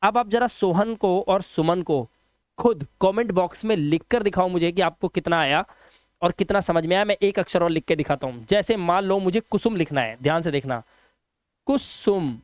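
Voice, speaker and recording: A man's voice: sits high, moderate pace, dry recording. A man teaching a video lesson, patient and repetitive, often asking the viewers questions. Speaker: English teacher. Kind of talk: classroom-style video lesson.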